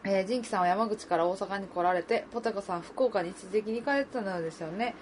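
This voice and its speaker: A woman with a Kansai accent co-hosting a casual podcast, chatting quickly and reading listener letters aloud with frequent laughter. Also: mid-range voice, slight background noise. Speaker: podcast co-host. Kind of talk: casual chat.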